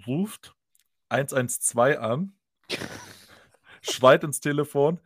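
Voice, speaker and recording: A man's voice: mid-range voice, normal speed, no echo, clean studio sound. A man telling an anecdote in casual podcast chat. He talks animatedly, laughs often and acts out the people he quotes. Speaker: podcast host.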